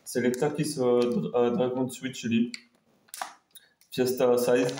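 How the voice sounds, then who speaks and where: A man's voice: medium pitch, level tone, slow, warm tone. Male food vlogger, hesitant and repetitive, informal chat to camera, recorded in an echoey room. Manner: hesitant, rambling, repeating himself. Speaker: food taste-test vlogger. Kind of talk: casual chat to viewers. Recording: roomy echo, faint background noise.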